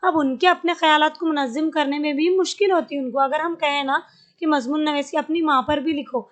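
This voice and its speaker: A woman's voice: high-pitched, steady tone. A woman teaching an exam-prep lesson, explaining step by step, repeating key terms and mixing in English words.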